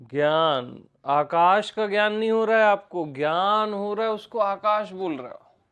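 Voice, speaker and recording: Speaking unhurriedly, this Indian man gives an informal satsang discourse, his voice sitting a bit high for a man. His conversational teaching keeps circling back to the same words and posing questions to his listeners. The tone is clean, though the sound is lo-fi.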